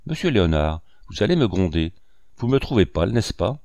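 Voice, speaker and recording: A man's voice: low voice, big pitch swings, fairly quick, a little mellow, no room sound. A man voicing a vain, fussy young married woman who chatters petulantly about herself in a storybook reading. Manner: petulant, self-absorbed chatter.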